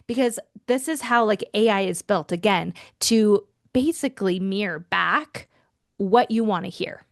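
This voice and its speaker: A woman hosts a self-help podcast in a casual, expressive monologue and speaks to her listeners as friends. Her pitch sits in the middle range. The recording is dry and close. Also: unhurried, vocal fry, no room sound. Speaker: podcast host and life coach.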